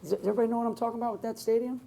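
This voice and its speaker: Delivering an unscripted stage talk on security, this man is emphatic and rambling, repeatedly restarting what he's saying. His voice is extremely high, gravelly yet mellow, with fairly even intonation and a racing pace.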